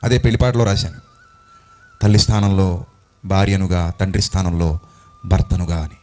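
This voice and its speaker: A man's voice: low-pitched, fairly even intonation, moderate pace, a little mellow, soft background music. A man preaching an emotional sermon, passionately firing rhetorical questions at his congregation.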